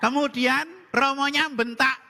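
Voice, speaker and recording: High, bright-voiced priest joking in a reverberant hall. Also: male voice, fairly even intonation, unhurried, vocal fry, slight background noise. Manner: jokey storytelling, acting out dialogue. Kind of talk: humorous sermon.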